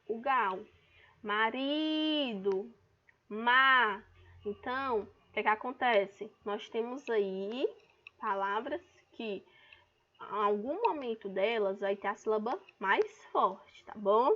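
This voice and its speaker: Here the same kind of teacher, a woman with a Brazilian Portuguese accent, speaks slowly in a mid-range voice with a slightly bright edge. Giving an online lesson, she patiently explains and pronounces words to mark their stressed syllables, captured on a dull lo-fi recording.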